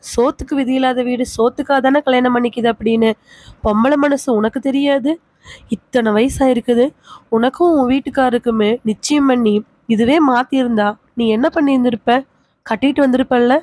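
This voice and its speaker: A woman's voice: fairly high pitch, a little mellow, no room sound, close to an everyday voice. A woman voicing a bitter young village wife, accusing her in-laws in a storybook reading. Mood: resentful. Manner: accusing, reproachful, rapid questioning. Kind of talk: audiobook character reading.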